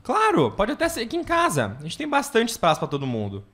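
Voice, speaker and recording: A man's voice: high-pitched, wildly swooping pitch, fast talker, bright, forceful tone, exaggerated voice. A man playing an earnest, lovestruck young seminarian in a radio soap opera. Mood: affectionate.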